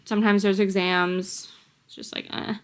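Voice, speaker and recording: A young woman chats to her camera in a loose, rambling way, full of "like" and "um". She sounds a little out of breath as she goes, and her voice sits at an ordinary middle pitch. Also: moderate pace, fairly bright tone. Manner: rambling, chatty, filler-heavy. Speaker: vlogger. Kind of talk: casual pregnancy vlog.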